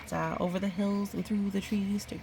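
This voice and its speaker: A woman gently reads a children's picture book aloud, pausing for musing, chatty asides to a young listener. Her voice is mid-range and steady, fairly quick, with a noisy background behind her.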